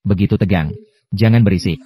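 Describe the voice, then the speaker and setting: A man reading out translated drama dialogue as a recap voice-over, with a stiff, even delivery for every part. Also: sits low, brisk, slightly rough, dry recording, studio quality.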